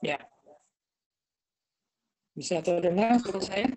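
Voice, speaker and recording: A man's voice: high voice, slow, a little mellow, slightly rough. A male teacher giving an online class, his voice cutting in and out over a choppy, breaking-up call connection. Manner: explaining with rhetorical questions. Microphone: laptop on a video call. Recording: dull lo-fi video call audio.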